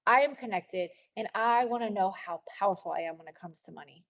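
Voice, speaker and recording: With a brisk delivery and medium pitch, a woman teaches a group of women about how they relate to money. She stays kind and encouraging, laughing a lot and sniffling now and then.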